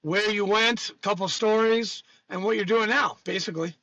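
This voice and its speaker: A man hosts a podcast with a blunt, joking, rambling manner. His voice is high and bright with a sharp edge. It is recorded dry and close. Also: moderate pace, no echo, dull audio. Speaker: podcast host. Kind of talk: casual chat.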